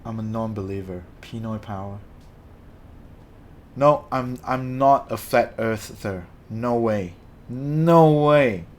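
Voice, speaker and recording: Slowly and in a lowish voice, a young Malaysian streamer responds to his chat, chatting casually, rambling, and revising what he says as he talks.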